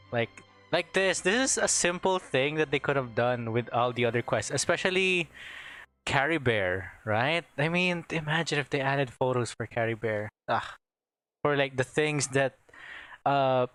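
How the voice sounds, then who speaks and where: Excitable, laughing game streamer. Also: medium pitch. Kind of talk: game reaction commentary.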